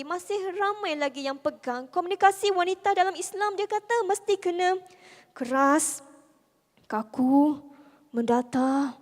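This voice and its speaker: A Malaysian woman speaking with a Malaysian Malay accent, giving a lively, conversational religious talk to a convention audience in a soft voice, full of rhetorical questions. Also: very high-pitched. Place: large convention hall. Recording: hall reverb from the venue.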